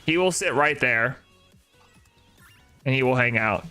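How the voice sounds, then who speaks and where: A man's voice: mid-range voice, lively intonation, measured pace, sharp tone, smooth, faint music behind. A young man, chatting casually on a live stream, opinionated and answering his chat with rhetorical questions. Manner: opinionated, talks back to chat with rhetorical "right?".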